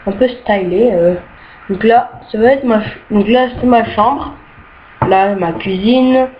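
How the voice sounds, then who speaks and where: Slow and mid-range, a young woman's voice narrates a casual, screen-recorded tour of her rooms in an online game. She hesitates a great deal and is easily annoyed by glitches, captured on a dull lo-fi home mic with a faint hiss.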